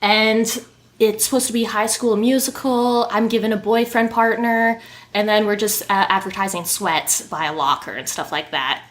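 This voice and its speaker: A woman hosting a podcast and telling stories in casual chat, animated and quick to laugh. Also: medium pitch. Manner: animated storyteller, laughs often. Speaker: podcast host and model.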